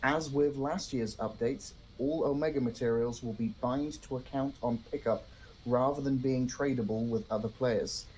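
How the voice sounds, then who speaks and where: A man co-hosting a podcast, reading news items in an even, matter-of-fact way and chatting casually. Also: medium pitch, moderate pace, a little hiss or hum, low-quality recording. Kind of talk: read-aloud news segment and casual chat.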